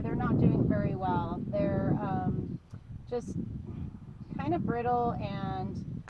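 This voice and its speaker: A woman's voice: fairly high pitch, muffled recording, background noise. A woman on a casual show-and-tell tour of her vegetable garden, chatty and enthusiastic, often laughing. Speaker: small farmer giving a garden tour.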